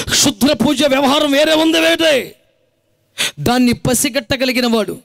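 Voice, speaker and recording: A male pastor with a Telugu accent preaching a fervent sermon in a colloquial style, urging the congregation to respond aloud. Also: very high-pitched. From India. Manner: colloquial, dramatizing biblical characters in everyday speech.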